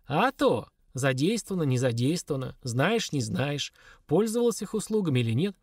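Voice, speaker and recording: A man's voice: a little high, very animated, normal speed, breathy edge, no room sound, studio quality, full character voice. A man voicing a blunt, suspicious young man pressing others for answers.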